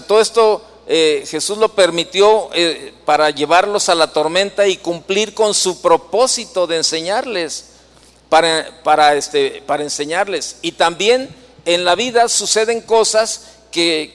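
A man's voice: high voice, a bit bright, big-room sound. A man preaching a sermon, telling a personal story in a conversational way, full of fillers and tag questions. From Mexico.

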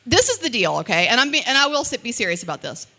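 Woman host, higher voice, bright and blunt, combative comedy debater. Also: sing-song, fast. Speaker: podcast host. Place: live event room.

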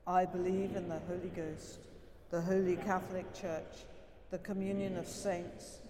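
A worshipper reciting the creed in a measured, chant-like way during a service in a large stone church, with a cathedral echo. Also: medium pitch, level tone, crowd noise. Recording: long cathedral reverb with music behind.

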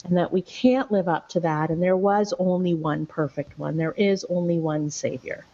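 A woman's voice: lowish voice, fairly even intonation, moderate pace, mellow. A woman co-hosting a faith-based talk show, earnest and reflective, explaining her views like a short sermon. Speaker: podcast co-host and author. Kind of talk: casual faith-based chat. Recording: slightly muffled audio.

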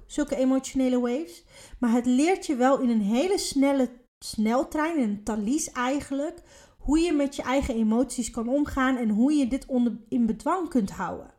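A woman's voice: high voice, dark tone. A woman co-hosting a podcast, explaining her ideas in casual chat with earnest repetition and emphasis. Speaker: podcast co-host.

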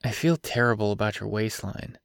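A male narrator voicing a wary, dry-humored single father in an audiobook, speaking softly and dryly. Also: lowish voice, brisk, gravelly, smooth, no echo. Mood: guarded. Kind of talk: audiobook character reading.

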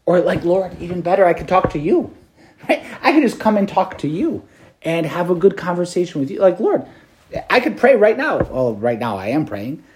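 Chatty priest with a slightly high voice. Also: male voice, big pitch swings, moderate pace, a little mellow. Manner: conversational, peppered with "like" and "right?"; light self-deprecating humor. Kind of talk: preached meditation to students.

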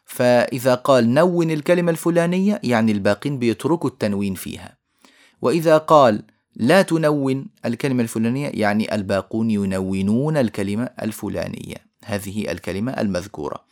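A man with an Egyptian Arabic accent giving a recorded lecture, explaining a poem on recitation. He asks questions and answers them himself, chants verse lines slowly and repeats key phrases. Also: mid-range voice, a little mellow.

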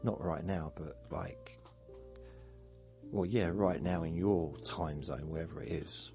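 A man's voice: deep voice, fairly even intonation, slow, gravelly, over music. A man hosting a sleep podcast, rambling in a meandering, self-deprecating way with jokey asides. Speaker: podcast host.

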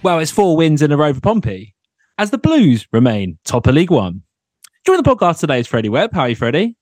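A man's voice: a little high, sing-song, fast, a little mellow. A man hosting a podcast in a casual, chatty style. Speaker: podcast host. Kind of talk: casual chat.

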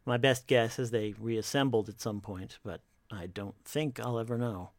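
A man narrating a horror story in a slow, measured, hushed delivery. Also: medium pitch, fairly even intonation, no room sound.

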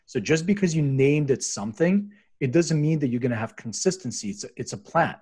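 His pitch is fairly high, his intonation lively, his pace a little fast and his tone darkish. This middle-aged American man from Philadelphia, born in Lithuania, is a podcast guest who founded a medicinal cannabis company, and he recounts his story informally, rambling and explaining.

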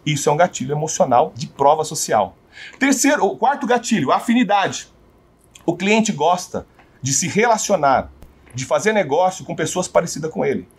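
Husky, animated Brazilian sales trainer. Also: male voice, a little high, moderate pace. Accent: Brazilian Portuguese. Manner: animated, asks the audience rhetorical questions.

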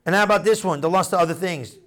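Middle-aged male pastor, high-pitched voice, lively sermon delivery with call-and-response repetition. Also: very fast. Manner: animated preaching with repeated phrases and congregation call-and-response.

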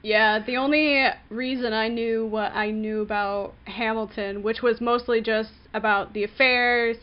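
A woman's voice: on the high side, fairly even intonation, a little slow, muffled recording. A woman co-hosting a casual podcast chat, hesitant with many fillers and breaking into giggles. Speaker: podcast co-host.

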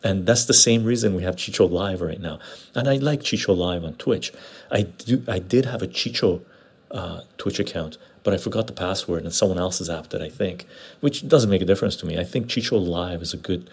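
A man with a gravelly, husky voice chatting casually as a livestream host, laid-back and repeating short phrases, recorded on a clip-on lapel mic. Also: low voice, fairly quick, a little mellow. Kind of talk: casual livestream chat, greeting viewers and reading comments. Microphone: clip-on lapel mic into external recorder.

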